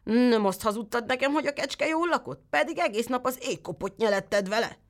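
A woman voicing a suspicious, quick-tempered old male tailor who scolds with sharp exclamations. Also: sits low, animated. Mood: angry.

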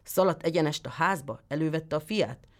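A woman reading a fairy tale aloud with lively, expressive storytelling. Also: sits low.

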